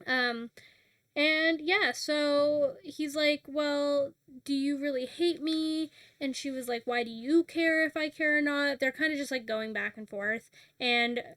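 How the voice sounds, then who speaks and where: Woman, high-pitched, casual co-host recapping a novel, acts out lines, dry close sound. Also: measured pace, no room sound. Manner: animated retelling, acting out characters' lines with filler words. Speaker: podcast co-host recapping a book.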